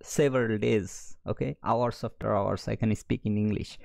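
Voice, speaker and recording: A man's voice: fairly low pitch, steady tone, moderate pace, gravelly, darkish tone, no room sound. A man from Bangladesh, speaking with a Bangladeshi accent, gives a screen-share trading lesson in a direct style, often checking in with "okay". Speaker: trading educator.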